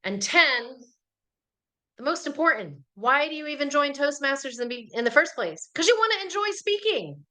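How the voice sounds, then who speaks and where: A woman presenting a speaking workshop on a video call, lively and laughing between points. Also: high-pitched, normal speed, low-quality recording. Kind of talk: live online workshop talk.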